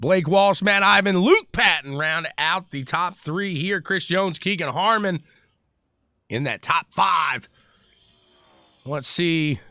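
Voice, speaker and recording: An excitable man calls a live online race, his voice high and bright with a forceful edge. He talks casually to his viewers and whoops between lap calls. The sound is dry and close to the mic. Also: slow pace, no echo. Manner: excitable, chatty, hollers and laughs between calls. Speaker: race commentator. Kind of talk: live sim-racing commentary.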